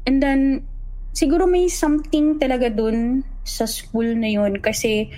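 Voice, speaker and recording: In a poor recording with a little background noise, a young woman from the Philippines recounts a true horror story in an easygoing mix of Tagalog and English. Her voice is slightly high and unhurried, and she animatedly voices the children's lines.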